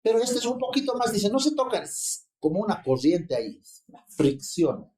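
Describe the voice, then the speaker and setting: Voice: medium pitch, very animated, moderate pace, a little mellow, echoey room, poor audio. A lecturer giving a university seminar on phonetics, explaining step by step and often checking that students follow. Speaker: linguistics lecturer.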